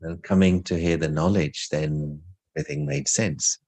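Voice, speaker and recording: A very deep, darkish voice with fairly even intonation and a moderate pace belongs to a middle-aged English spiritual speaker. He gives an informal, reflective talk about his own life, with a light sense of humor.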